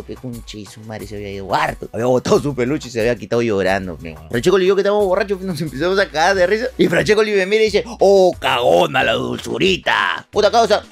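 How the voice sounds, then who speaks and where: A man with a Lima Peruvian accent telling a comic story on his podcast in swaggering street slang, acting out his friends' voices. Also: fairly high pitch. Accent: Peruvian Spanish, Lima slang. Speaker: podcast host.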